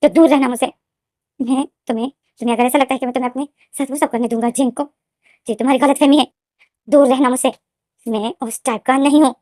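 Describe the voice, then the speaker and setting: A woman voicing a defiant young male boxer, delivering his threats in a loud, heated way while retelling a fan story. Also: high voice, steady tone, fast talker, dry recording, clean studio sound, lightly acted. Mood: angry, threatening.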